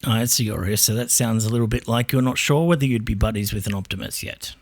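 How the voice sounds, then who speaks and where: Low-voiced male podcast host, dry sound. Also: fast, dry recording. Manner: relaxed, probing, with frequent ums. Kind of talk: casual tech podcast chat.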